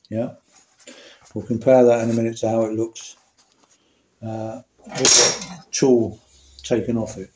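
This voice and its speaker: A man's voice: mid-range voice, a little mellow, roomy sound. A man demonstrating a motorcycle repair in a workshop, chatty and correcting himself as he works. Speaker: motorcycle mechanic. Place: indoor workshop.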